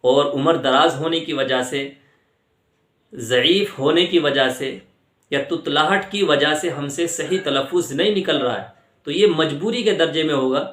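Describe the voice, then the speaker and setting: A man with an Indian Urdu accent gives a patient religious lesson, drawing out each word slowly so it can be copied. His voice is bright and a little high. The sound is echoey, as if recorded in a bare room. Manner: patient, repeats words slowly to model pronunciation. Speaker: Islamic teacher. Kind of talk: religious instruction on prayer pronunciation.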